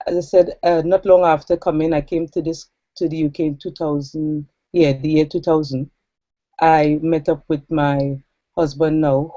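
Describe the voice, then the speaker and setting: Woman in her forties, interview guest; mellow, earnest storytelling, dry close sound. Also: deep voice, no room sound. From Trinidad. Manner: earnest, reflective, with pauses and fillers. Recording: dull lo-fi sound.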